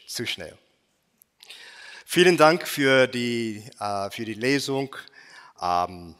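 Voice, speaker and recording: A man's voice: mid-range voice, a bit bright. A man preaching as a guest speaker, hesitant, with many fillers and restarts. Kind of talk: sermon. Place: church. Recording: long church-hall reverb.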